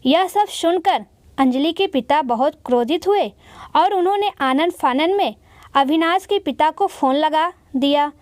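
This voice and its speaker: A woman narrating a dramatic family story as a storyteller, in steady scripted narration. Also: high voice, a little slow, no room sound.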